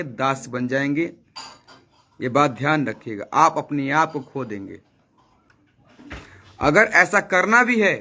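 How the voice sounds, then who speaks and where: Bright, forceful preaching man. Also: on the high side. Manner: scolding, asks rhetorical questions; repeats lines for emphasis. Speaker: spiritual speaker. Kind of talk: devotional preaching on a live stream.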